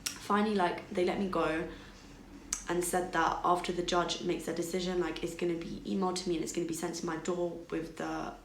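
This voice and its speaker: A woman's voice: on the low side, level tone, brisk, slight background noise. A young British woman telling a personal story in a casual, chatty way, full of fillers. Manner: chatty, filler-heavy, acts out quoted dialogue. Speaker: vlogger. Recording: echoey room.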